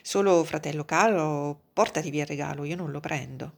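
A woman reading the lines of an excitable male lawyer, in a low, husky voice. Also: normal speed. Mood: embarrassed.

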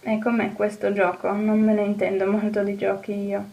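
A woman's voice: medium pitch, monotone, normal speed, vocal fry, lo-fi sound, close to an everyday voice. A woman reading an audiobook, voicing a kind but anxious young housemaid who frets and exclaims. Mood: worried, kind. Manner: fretful and exclaiming. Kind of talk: audiobook character voice.

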